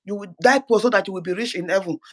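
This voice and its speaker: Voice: mid-range voice, fast, a bit bright, low-quality recording. A speaker gives an impassioned political address as an activist, fervent and full of repeated words and restarted phrases.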